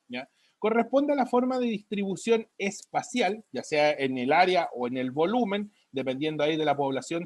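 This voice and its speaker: Man, biology teacher, high voice, dry close sound, keeps asking "ya?". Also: no room sound. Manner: repeats a questioning "ya?" after each point; writes on a board while talking, drifting from the mic. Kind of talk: recorded class lecture.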